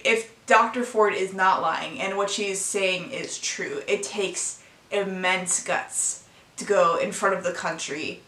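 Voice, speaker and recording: A girl in her late teens records a confessional vlog in her own room, where the sound echoes noticeably. Her medium-pitched voice is bright and clear, and she is earnest and emotional, often pausing and restarting sentences.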